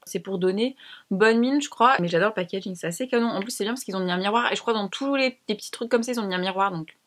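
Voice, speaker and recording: A woman's voice: medium pitch, quick pace. A young woman chatting casually to camera as she tests makeup, slangy and self-mocking. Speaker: beauty vlogger. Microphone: camera mic.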